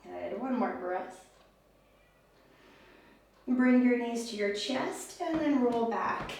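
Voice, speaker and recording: A woman teaching a yoga class, giving step-by-step pose instructions in a calm, soothing, encouraging way. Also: fairly high pitch, slow pace, vocal fry. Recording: very echoey room, far mic, faint noise.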